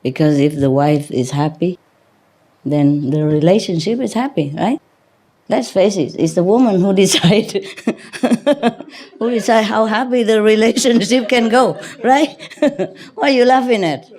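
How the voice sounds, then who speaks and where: This time her voice sits at a medium pitch, animated yet a little slow and somewhat mellow. The spiritual teacher jokes and reminisces with the group, telling loose, rambling anecdotes with plenty of teasing and laughter.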